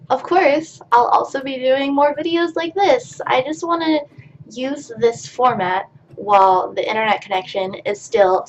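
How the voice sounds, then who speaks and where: A woman's voice: medium pitch, slight background noise. A woman punk musician talking casually in a year-in-review vlog, rambling, earnest and grateful, with lots of fillers. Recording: dull lo-fi sound with faint background music. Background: faint background music.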